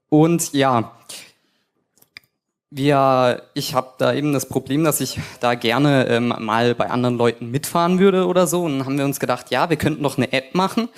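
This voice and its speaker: Hesitant man pitching an idea. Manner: hesitant, many fillers and restarts. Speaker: team presenter at a hackathon.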